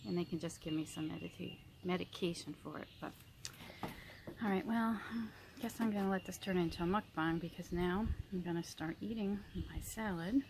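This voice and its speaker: A woman in her early fifties chatting casually to viewers as a vlogger, rambling reflectively and pausing mid-sentence. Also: on the low side, vocal fry, noisy background. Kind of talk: casual chit-chat mukbang vlog.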